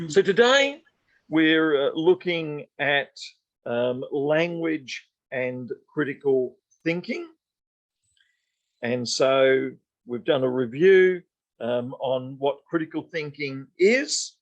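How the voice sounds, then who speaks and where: A man giving an unscripted college lecture, pausing often with fillers and restarting sentences. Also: on the high side, animated, dull audio.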